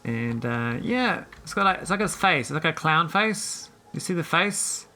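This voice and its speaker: A man chatting casually while streaming a game, rambling with many pauses and talking to his viewers. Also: on the high side, expressive, pushed and bright, soft background music. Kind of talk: casual live-stream chat.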